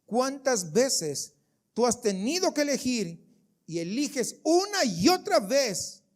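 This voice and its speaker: A man's voice: very high-pitched, big pitch swings, takes it slowly. A man preaching a sermon as pastor of a church service, emphatic and full of rhetorical questions aimed at the congregation.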